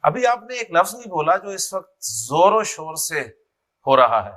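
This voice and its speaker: A man's voice: high-pitched, very animated, moderate pace, fairly bright tone. A male teacher, drilling Arabic words in a classroom lesson, repeating each word and quizzing students by name.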